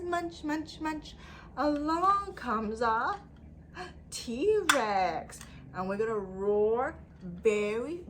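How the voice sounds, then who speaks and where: A woman with a high-sitting voice leads an interactive storytime for young children, using an exaggerated sing-song delivery full of prompting questions and repetition. A faint hiss or hum can be heard.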